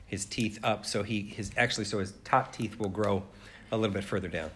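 A man's voice: on the low side, steady tone, brisk, a bit bright, a little hiss or hum. Middle-aged man, playful casual interviewer. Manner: playful, teasing. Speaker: father interviewing his children.

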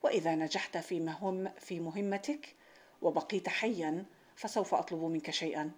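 Woman voicing a wise old sheikh, calm, kind, low voice, storybook tale. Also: brisk, slightly rough. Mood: reassuring. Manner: calm, reassuring.

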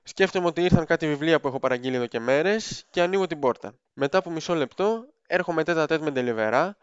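A man with a fairly high, smooth and crisp voice tells his story in a dry, self-mocking way. The sound is dull and dry, with no room around it. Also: lively intonation, no room sound. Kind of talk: casual storytelling.

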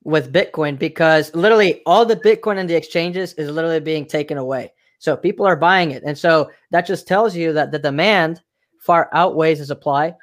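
A man's voice: on the high side, normal speed. Man, from mexico, livestream host, casual chat, rambling, hedgy fillers. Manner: rambling, hedging with filler phrases.

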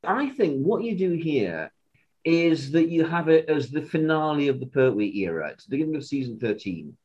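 A man co-hosting a podcast in casual fan chat, talking in an animated, rambling way and stammering on restarts. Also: on the high side, normal speed, slightly rough, lo-fi sound. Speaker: podcast co-host.

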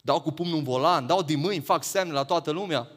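A man delivers a sermon in a fairly high voice, piling up rhetorical questions that build to emphatic peaks before falling back low. His voice carries a long reverb, as if recorded in a church hall. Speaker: preacher.

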